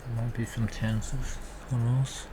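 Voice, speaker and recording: Slow-talking man commentating over noise. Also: mid-range voice, little pitch movement. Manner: halting, thinking aloud. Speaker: amateur chess commentator. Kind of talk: casual live game commentary. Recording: clearly noisy background.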